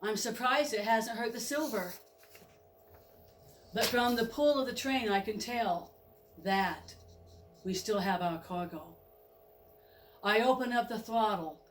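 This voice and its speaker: A woman's voice: a little high, slow pace, pauses often, roomy sound, slight background noise. A woman storyteller narrating a story in the first person with dramatic delivery. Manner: dramatic, with spoken train sound effects.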